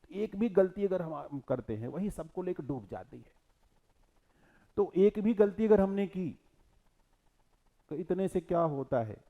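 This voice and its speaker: A man's voice: high-pitched, animated, unhurried, creaky, long pauses, dull audio. A middle-aged male teacher gives a classroom lecture, explaining verses line by line and answering his own questions.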